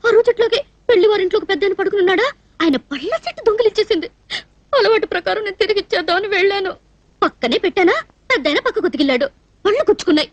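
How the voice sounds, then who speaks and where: A woman's voice: very high voice, animated, very fast, no echo, lo-fi sound. An actress dubbing a film scene, playing a bashful, lovesick young woman who turns tearful and pleading. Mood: sad. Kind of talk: dubbed film dialogue.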